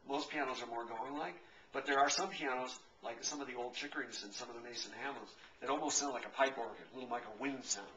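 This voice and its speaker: A man's voice: mid-range voice, fast, fairly bright tone, highs cut off, a little hiss or hum. A middle-aged man explaining piano tone in a casual, rambling way, often correcting himself mid-sentence. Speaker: piano technician. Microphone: camcorder. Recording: echoey room, camcorder from a distance.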